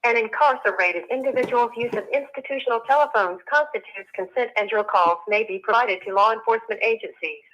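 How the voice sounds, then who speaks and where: A woman's voice: a little high, a little fast, few pauses, fairly bright tone. Woman's automated collect-call phone message. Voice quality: crisp, evenly paced, formal. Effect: automated prepaid collect call message over a phone line. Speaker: automated phone system announcer. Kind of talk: recorded scripted announcement.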